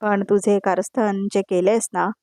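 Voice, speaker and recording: A woman's voice: medium pitch, level tone, normal speed, a little mellow, no room sound, studio quality, natural voice. A woman doing a cold vengeful young wife. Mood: stern.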